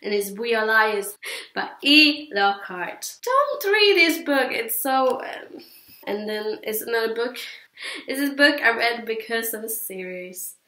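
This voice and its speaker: Here a Swedish book reviewer, a teen or young adult using English as a second language, chats casually in a vlog about what she thinks. Her slightly high voice is very animated and sharp-toned, and she takes her time, though her speech is hesitant, rambling and repetitive. There's a roomy echo to the sound.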